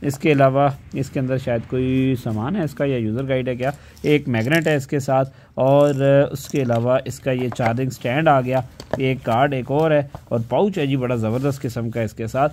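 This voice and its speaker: A man's voice: mid-range voice, fairly even intonation, normal speed, a little mellow. A man giving an informal, improvised sales patter as he demonstrates a product on a phone recording. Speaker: seller showing a secondhand device. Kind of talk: casual unboxing sales demonstration. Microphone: phone held over the product. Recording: clear background noise, handling clicks.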